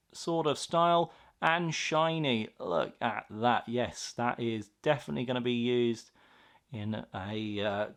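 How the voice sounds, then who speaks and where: A man chatting casually and enthusiastically as he hosts an unboxing, reacting aloud to what he finds. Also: medium pitch. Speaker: host of a card pack opening video.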